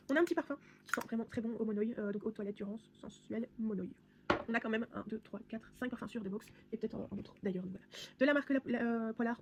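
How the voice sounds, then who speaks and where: Chatty young woman, quick. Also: on the high side, mellow, a little hiss or hum. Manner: chatty, rambling, many fillers and restarts. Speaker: vlogger. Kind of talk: casual product haul vlog.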